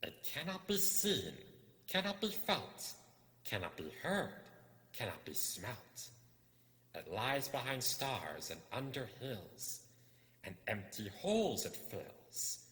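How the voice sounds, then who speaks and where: A man's voice: mid-range voice, very animated, a bit bright, pitched above the performer's own voice. A man voicing a wretched, sneaky cave creature in a storybook reading, hissing and spluttering as he draws out his words. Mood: eerie riddling. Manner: slow, drawn-out muttering with sudden shrieks. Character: wretched, sneaky, hungry cave-dwelling creature, lonely and nasty. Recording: cavernous hall reverb.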